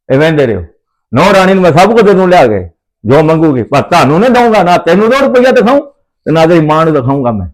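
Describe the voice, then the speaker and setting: A man playing an older father-in-law in a family comedy skit, who rants, repeats himself and threatens his son. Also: high-pitched. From Punjab, India. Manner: ranting, repetitive, threatening.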